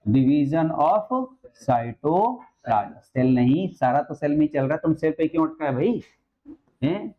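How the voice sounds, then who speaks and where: Over narrow, tinny audio, a biology teacher with a fairly high voice lectures at a normal speed. He keeps quizzing and gently urging his students, addressing them as "beta" and "mere lal."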